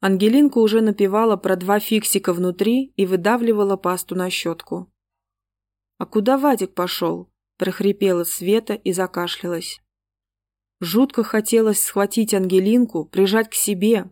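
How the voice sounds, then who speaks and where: A woman reading a horror story aloud in a measured, even narration. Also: mid-range voice, no echo, clean studio sound.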